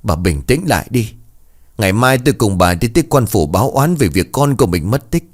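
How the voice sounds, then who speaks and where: A man playing a worried middle-aged father who calms his wife firmly, in a storybook reading. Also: medium pitch, normal speed, close to an everyday voice. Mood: soothing. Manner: calming yet firm.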